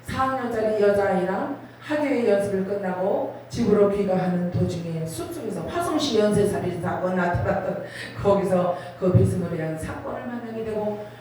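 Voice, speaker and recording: Her voice mellow and medium in pitch, a middle-aged woman shares her testimony as a sermon at a revival, building to dramatic, emotional swells. She's heard from far off in a large, very echoey prayer retreat hall, with a slight hiss or hum on the recording.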